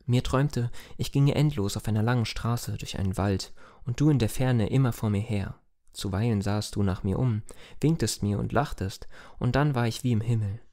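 A man voicing an earnest young village man in love, in a gentle, earnest delivery. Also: mid-range voice, moderate pace, lightly acted. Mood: dreamy.

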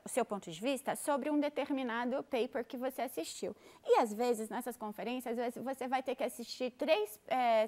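Upbeat high-voiced Brazilian woman teaching. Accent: Brazilian Portuguese. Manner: upbeat, explains step by step to viewers. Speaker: English teacher. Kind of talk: bilingual pronunciation lesson.

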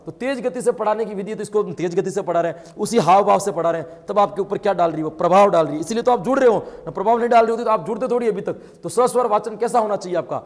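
A man teaching an exam coaching lesson, talking rapidly and emphatically, firing rhetorical questions and calling his students friends and brother. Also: high-pitched, in a large hall. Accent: Rajasthani Hindi. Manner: addresses viewers as friends and brother.

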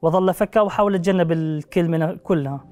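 A man's voice: fairly high pitch, racing, a little mellow. A young man with a Levantine Arabic accent and a speech impediment on the r sound, answering as an interview guest. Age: young adult. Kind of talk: personal interview. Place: TV studio. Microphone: lapel.

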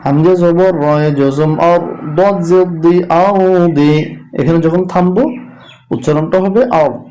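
A man teaching Quran reading, spelling out each syllable slowly and then reciting the verse in long drawn-out tones. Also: a little high, warm tone, low-quality recording.

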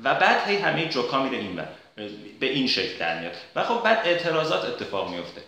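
A man giving an argumentative spoken commentary, pausing often with filler sounds as he builds his case. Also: mid-range voice, big pitch swings, gravelly, sharp tone. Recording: very echoey room.

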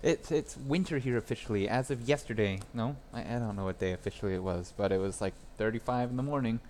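At his workbench, a young man fixes a phone while chatting casually with live-stream viewers, rambling and laughing along the way. His medium-pitched voice is fast with a darkish tone, and there's a little hiss or hum.

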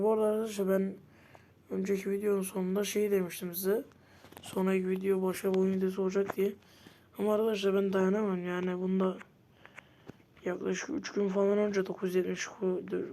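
A woman talks through her gameplay in a casual, chatty way. Her voice is soft and mellow rather than bright. She gets easily frustrated and often breaks into loud protests. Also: mid-range voice, flat delivery, brisk, a little hiss or hum. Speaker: gamer.

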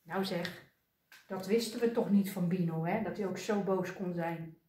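A woman reading a children's picture book aloud in an expressive, sing-song way, asking the listener questions. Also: on the low side, moderate pace, reverberant, slight background noise. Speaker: storybook reader.

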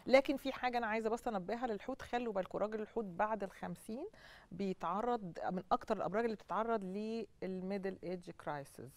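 A woman's voice: mid-range voice, very fast. A woman with an Egyptian accent, a guest astrologer on a studio talk show, explaining confidently and working through her points one by one.

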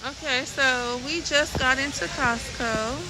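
In a casual shopping vlog, a Californian woman with a high-sitting voice talks slowly, first from a car and then while walking through a large warehouse store. Holding her phone camera at arm's length, she keeps up a chatty narration and repeats items as she finds them. Loud background noise from the store is picked up by the phone.

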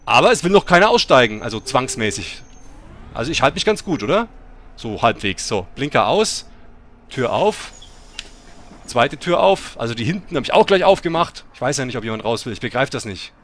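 A man's voice: medium pitch, very animated, normal speed, fairly bright tone, slight background noise. A middle-aged man hosting a bus simulator let's play, chatting and breaking into sudden swearing rants. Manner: swears and rants in angry outbursts.

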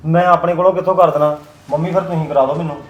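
A man playing a stubborn, rapid-talking younger brother. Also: on the high side, fairly even intonation, lightly acted. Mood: insistent. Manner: insistent, arguing back. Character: idle younger brother, stubborn, wants own business. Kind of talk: scripted web drama acting. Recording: roomy, dull lo-fi sound.

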